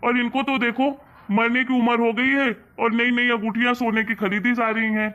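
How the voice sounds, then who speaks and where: A grown son in a cartoon story, scolding and mocking his mother over money, as a man acts him out. His voice is high and bright with a tense edge, and the audio is dull and lo-fi. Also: level tone, moderate pace. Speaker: cartoon character. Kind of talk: Hindi cartoon story voice acting.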